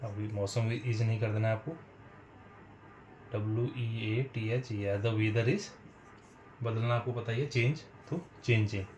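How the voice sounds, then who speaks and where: A man teaching a spoken English lesson, explaining patiently and repeating phrases slowly for his viewers. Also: lowish voice, fairly even intonation, darkish tone, roomy sound, a little hiss or hum. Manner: slow, repetitive explaining, addresses viewers as friends.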